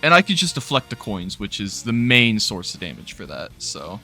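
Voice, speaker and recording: A young man giving casual, animated let's-play commentary, laughing and swearing often while playing. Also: on the low side, moderate pace, soft background music. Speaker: gaming YouTuber. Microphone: new studio mic.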